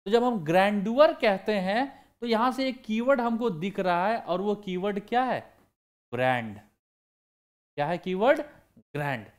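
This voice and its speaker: A man's voice: sits high, moderate pace, few pauses. A man teaching vocabulary for exam prep, asking the class questions and answering them himself while repeating the key words. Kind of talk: online vocabulary lesson.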